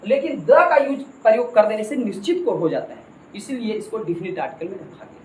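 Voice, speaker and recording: A man's voice: high-pitched, expressive, a little fast, darkish tone. Guy teaching grammar, keeps saying kids, echoey room, bit of hum. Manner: emphatic, repeats points, keeps addressing the students as kids. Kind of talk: classroom grammar lesson. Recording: echoey room with faint ambient noise.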